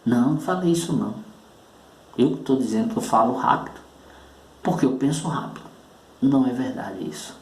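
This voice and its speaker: A man teaching a public speaking lesson, speaking slowly and emphatically and leaning hard on stressed syllables. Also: mid-range voice, expressive, echoey room, rough recording. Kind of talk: recorded oratory lesson.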